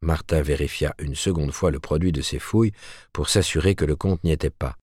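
A man narrating a novel aloud in a measured storytelling manner. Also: extremely low pitch, a little mellow, husky, no room sound, clean studio sound. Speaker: audiobook narrator. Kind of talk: scripted narration.

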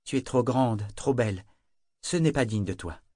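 A man voicing a young woman sailor who speaks calmly and with measured control. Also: mid-range voice, no room sound, clean studio sound, close to an everyday voice. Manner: calm, measured.

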